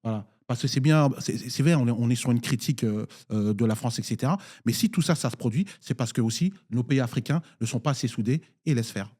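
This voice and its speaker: A man from Nigeria taking part in a political debate as a municipal councillor. He speaks haltingly, with frequent fillers and restarts, in a mellow, dark voice at a middling pitch. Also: husky. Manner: hesitant, many fillers and restarts.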